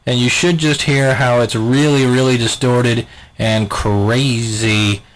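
A man's voice: medium pitch, steady tone, takes it slowly. Male podcast coach, plain explainer, voice pushed into fuzzy overdriven distortion on a studio mic. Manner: plain-spoken, explains step by step. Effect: overdriven mic distortion, crackly fuzz. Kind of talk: podcast tutorial. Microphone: studio microphone through a mixer.

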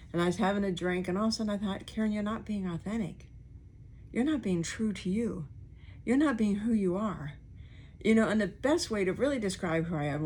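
A podcast host whose R's and S's are affected by a speech impediment rambles candidly through a personal monologue, acting out the remarks she quotes. Her voice is medium-pitched and a little mellow, and her manner is informal.

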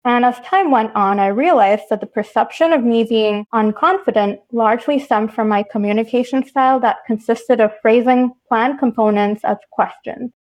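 A woman's voice: fairly high pitch, normal speed, hardly any pauses, a little mellow, poor audio. A woman in her twenties, a medical student, asks prepared questions in an earnest and polite way on a podcast. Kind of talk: podcast interview.

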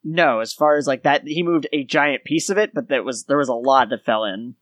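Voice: medium pitch, brisk, a bit bright, no room sound, clean studio sound. A game master narrating a tabletop game in an informal, descriptive way.

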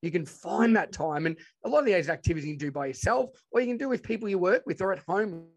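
A man's voice: high-pitched, expressive, fast. A man with a broad Australian accent, chatting informally and enthusiastically as he tells stories as an interview guest. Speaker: podcast guest, educator and presenter. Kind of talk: casual interview storytelling.

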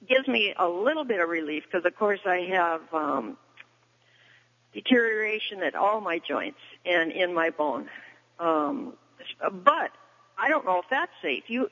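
A man calling into a radio show over a clipped phone line, asking questions in a hesitant, halting way with fillers. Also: sits high, sharp tone. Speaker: caller. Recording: dull lo-fi phone line with long reverb.

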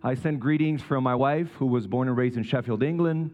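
A man preaches as a guest speaker, his voice sitting at an ordinary middle pitch. He speaks in a warm, personal storytelling manner with touches of humor. His voice rings with a long hall reverb in a church sanctuary. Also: brisk, dull audio. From Puerto Rico. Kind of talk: sermon. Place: church service.

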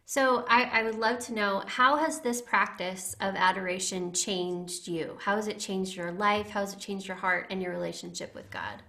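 A woman hosts a casual podcast chat in a bright, forward voice of middle pitch. She talks eagerly and is quick to agree with her guest. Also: fairly even intonation. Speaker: podcast host.

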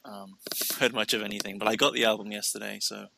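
A man's voice: lowish voice, steady tone, quick pace, creaky, noisy background. A man co-hosting a podcast in a casual, chatty style. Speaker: podcast co-host. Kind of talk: casual chat.

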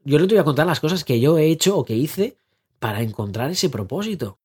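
Husky man coaching casually. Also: on the high side, brisk. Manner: lively, conversational, asks rhetorical questions. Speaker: life coach and podcast host. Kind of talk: casual podcast monologue.

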